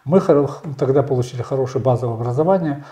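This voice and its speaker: A man in his sixties, a candidate answering interview questions in a measured storytelling way, often pausing with fillers. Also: medium pitch, warm tone, echoey room. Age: 60s. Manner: measured, storytelling, frequent hesitations. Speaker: election candidate. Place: small bright studio.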